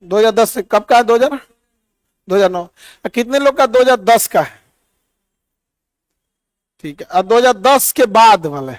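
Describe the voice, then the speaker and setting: High-pitched man teaching a lively class. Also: normal speed, long pauses, dry recording. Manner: teasing, quizzes students by name. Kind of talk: classroom physics lesson.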